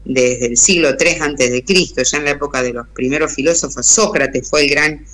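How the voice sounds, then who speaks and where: Bright-voiced Argentine woman explaining on radio. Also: low-pitched, normal speed. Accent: Argentine Spanish. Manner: thoughtful, frequent hesitations and restarts. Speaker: radio guest speaker. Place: radio studio.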